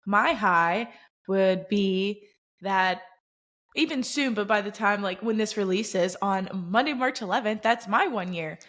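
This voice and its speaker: A woman's voice: medium pitch, a little slow. Giggly young woman podcast co-host. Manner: warm, enthusiastic, giggly. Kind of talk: casual chat.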